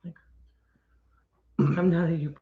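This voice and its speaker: Speaking slowly with a steady tone, a woman co-hosting a homestead channel rambles in a friendly way during a casual livestream, frequently starting her sentences over. Her pitch is ordinary, and the sound is roomy and somewhat dull.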